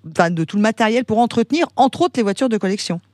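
A man's voice: sits high, animated, fast, a little mellow, no echo, clean studio sound. A man hosting an informal radio chat in a chummy way, often jumping in on his guests. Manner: chummy, interjecting. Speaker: radio host.

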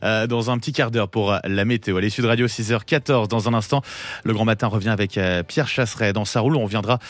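A man hosting morning radio, chatty and quick with lots of hesitations. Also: on the low side, no room sound. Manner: quick, chatty, many fillers. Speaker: radio host. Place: radio studio.

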